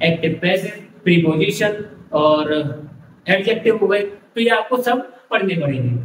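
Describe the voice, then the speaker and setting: A man's voice: sits high, roomy sound, distant mic, slight background noise, rough recording. A male tutor explaining an entrance exam syllabus, listing topics one by one and repeating himself. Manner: repetitive, lists topics one by one.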